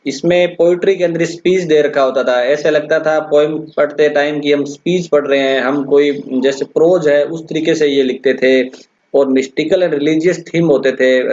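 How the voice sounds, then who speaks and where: A male English lecturer giving an exam-prep lesson, explaining a poem and repeatedly addressing his students, slowing down to recite lines. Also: on the high side, a little mellow. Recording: dull lo-fi recording.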